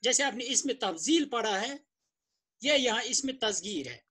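Animated male language teacher drilling terms. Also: extremely high pitch, moderate pace, husky. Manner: repeats and drills terms, glosses them in English. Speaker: Arabic teacher. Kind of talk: classroom-style lesson explanation.

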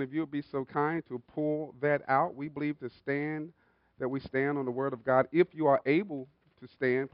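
A man's voice: mid-range voice, clear, resonant tone, dry recording. A man preaching as pastor in a church, calling for amens after nearly every phrase and building into a fervent prayer. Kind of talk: sermon and prayer with call-and-response. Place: church sanctuary with congregation. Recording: dull lo-fi livestream audio.

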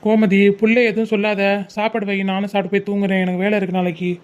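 A woman playing a gentle, indulgent father who coaxes his daughter kindly in a family drama. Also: medium pitch, flat delivery, quick pace, close to an everyday voice. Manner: gentle coaxing. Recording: dull lo-fi sound.

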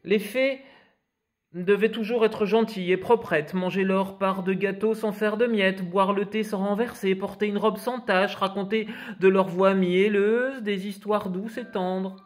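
A man reading a children's picture book aloud, expressive and animated. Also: high voice, a little slow. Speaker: storyteller.

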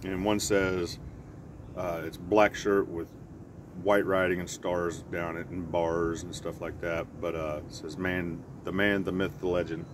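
A middle-aged man telling stories in a casual, halting ramble, easygoing and often correcting himself. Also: sits low, little pitch movement. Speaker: pipe vlogger. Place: outside by a house with siding. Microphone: camera a short distance in front. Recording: clear outdoor traffic or air-conditioner hum.

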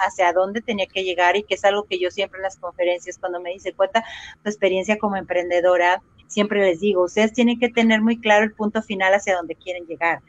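A Mexican woman tells her story in an animated way, acting out her own reactions as she goes. The sound is dry and a little dull, like a live video call. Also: medium pitch, dry recording. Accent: Mexican Spanish. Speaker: interview guest, runner and entrepreneur. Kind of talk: casual interview over a live video call. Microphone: video call microphone.

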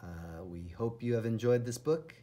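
Reading a kids' storybook, a man speaks in a mid-range voice that is breathy and husky. He performs it deliberately, with drama and expressiveness.

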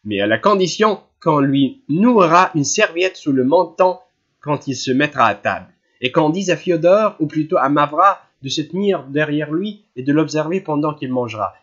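A man reads out a commanding noblewoman who fires off sharp, impatient questions and swings her voice up high in lively, exclamatory bursts. She is a fussy storybook matriarch. The sound is muffled and lo-fi. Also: normal speed. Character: imperious middle-aged noblewoman, curt and impatient. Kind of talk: audiobook character reading.

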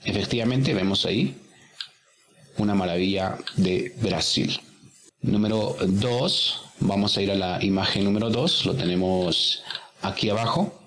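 A man's voice: sits low, unhurried, fairly bright tone. A man teaching English, working through a workbook exercise step by step and patiently repeating each answer.

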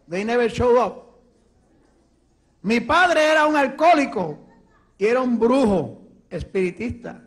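A man in his thirties with a Puerto Rican accent, giving an animated testimony sermon in a church hall on a handheld mic. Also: extremely high pitch. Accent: Puerto Rican Spanish. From Puerto Rico. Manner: animated, gesturing, storytelling. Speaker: preacher. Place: church hall stage at a pulpit.

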